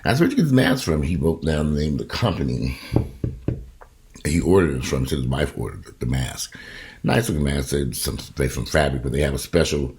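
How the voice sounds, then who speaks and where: Very deep-voiced man telling rambling stories. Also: a little fast. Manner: rambling, profane, animated retelling with quoted voices. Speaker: vlogger. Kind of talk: casual storytelling monologue.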